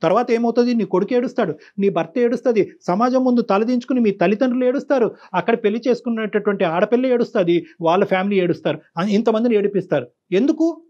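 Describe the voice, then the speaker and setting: Stern fast-talking male counselor. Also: high voice, darkish tone, muffled recording. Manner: stern, preachy, repeats phrases for emphasis. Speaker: counselor on a call-in show. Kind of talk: lecturing advice to a caller.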